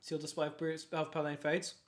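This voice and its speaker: Excitable Australian streamer, apologetic and rambling. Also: mid-range voice, fast talker, a little hiss or hum. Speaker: card-collecting livestreamer. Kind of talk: casual livestream chat.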